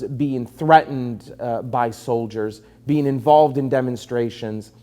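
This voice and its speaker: A man's voice: medium pitch, warm tone. A man in his fifties, raised in Palestine and working as an attorney, telling his personal story in an earnest, emphatic way with frequent fillers. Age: 50s.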